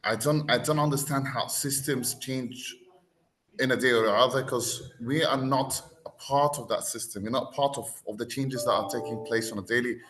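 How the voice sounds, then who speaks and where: A man's voice: mid-range voice, steady tone, moderate pace, a bit bright. Guy from the uae, podcast guest, thoughtful, talks through everyday examples. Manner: reflective, explains with everyday examples. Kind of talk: conversational panel talk.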